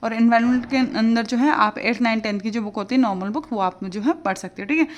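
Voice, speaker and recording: A woman's voice: a little high, fast talker, dull audio, a little hiss or hum. A woman, giving casual exam-prep study advice as a tutor and chatting with plenty of fillers.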